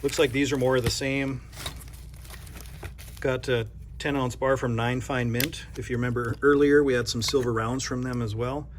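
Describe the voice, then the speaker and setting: A man's voice: medium pitch, fairly even intonation, normal speed, a little hiss or hum. A man from North Dakota who runs a coin shop, chatting casually and thinking aloud as he unboxes silver bars, with self-deprecating asides.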